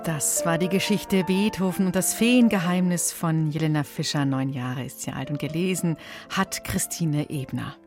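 Female radio host, lower voice, chatty announcer. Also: normal speed, hardly any pauses, a little mellow, faint music behind. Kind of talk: children's radio presenting.

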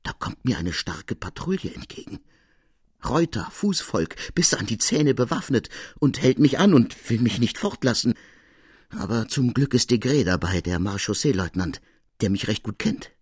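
Honest, shaken servant man, voiced by a male narrator, agitated and husky. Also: mid-range voice, very animated, normal speed, no echo, studio quality, pitched above the performer's own voice.

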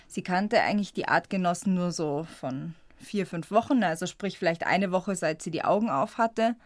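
A woman's voice: fairly low pitch, normal speed, no room sound, studio quality. A woman from the Munich area, a guest in a radio interview, telling her story in a chatty way and laughing often. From Munich area, Germany. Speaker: guest, squirrel rescuer.

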